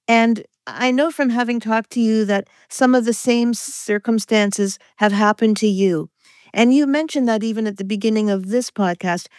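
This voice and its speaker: Woman podcast host asking measured questions. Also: fairly high pitch, a little mellow, no room sound. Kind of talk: interviewing.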